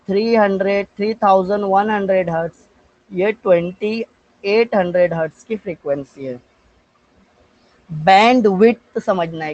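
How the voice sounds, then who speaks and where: A man from India teaching physics with an Indian accent in a live online class, asking and answering his own questions, slowing down to dictate English definitions and calling on students by name. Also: sits high, lo-fi sound.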